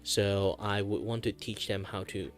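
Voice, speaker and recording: Animated male anime-style streamer. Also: fairly low pitch, unhurried, faint music behind. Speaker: streamer host. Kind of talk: casual livestream chat.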